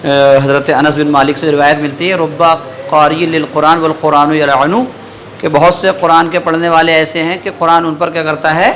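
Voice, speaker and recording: A man with a high, bright voice leads a class in Quran recitation. He fires questions at the students and repeats their answers. When he demonstrates a word, he draws the syllables out slowly. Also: little pitch movement, a little hiss or hum. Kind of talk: classroom lesson with call-and-response.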